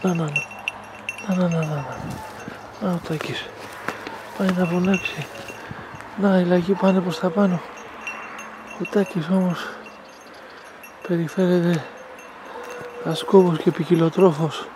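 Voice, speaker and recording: A man's voice: high voice, fairly even intonation, long pauses. A man training a hunting dog, calling and coaxing it with short repeated encouragements while commenting on what it does. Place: outdoor field. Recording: noisy outdoor recording.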